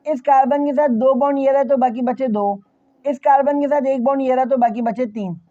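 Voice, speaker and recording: This is a classroom chemistry lecture from a man whose voice is very high-pitched but dark in tone. He answers his own questions, goes over key points repeatedly, and talks right to his students. The audio is dry, with the highs cut off.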